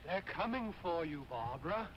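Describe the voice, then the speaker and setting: A man's voice: a little high, expressive, moderate pace, lo-fi sound, very noisy, lightly acted. An actor playing a teasing young man who mocks his frightened sister, from an old film soundtrack. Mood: taunting. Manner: mocking, taunting.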